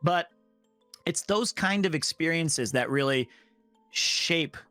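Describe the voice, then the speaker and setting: A man and voice actor telling a strange work story in casual chat, animated and acting out the voices he quotes. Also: fairly high pitch, slow, clean tone, no echo, faint music behind.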